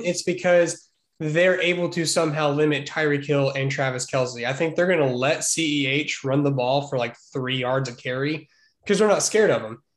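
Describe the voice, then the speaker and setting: A man's voice: fairly high pitch, echoey room. A man co-hosting a casual podcast chat, talking in a loose, playful way with joking asides. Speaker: podcast co-host.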